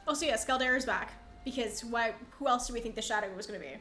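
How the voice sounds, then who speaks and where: A young Canadian woman rambles through live commentary as she speedruns a video game, chatty and quick to poke fun at herself. Her voice sits a little high, close on a desk mic, with faint game music underneath. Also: bright, forceful tone. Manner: chatty, rambling, self-deprecating. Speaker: speedrunner streamer.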